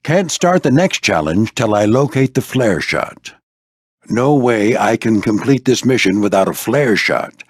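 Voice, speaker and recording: Brisk and military in mood though a little slow, an older veteran warplane from an animated video game acts as a gruff, fatherly squadron mentor with freely rising and falling pitch. His folksy speech carries clipped military turns, captured in a dry, close recording.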